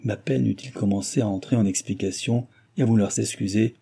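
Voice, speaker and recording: A man reading a classic novel aloud as audiobook narration, in a measured literary way. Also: lowish voice, fairly even intonation, creaky, warm tone, breathy edge.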